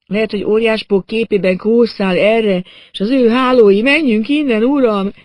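Man voicing a timid superstitious barman, trembling, fearful, higher pitched, dry sound. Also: steady tone, darkish tone, dry recording, close to an everyday voice. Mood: frightened. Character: timid, superstitious male bartender servant.

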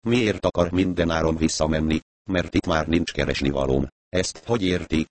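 A low-pitched man reads a story aloud in a calm, even way. The sound is close and dry, with no room around it. He lifts his voice a little for the characters' lines. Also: dry recording. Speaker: audiobook narrator. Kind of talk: scripted narration.

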